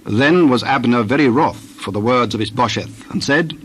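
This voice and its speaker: A man narrating scripture from a script in a solemn, measured style, phrase by phrase. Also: mid-range voice, fairly bright tone, slight background noise, rough recording.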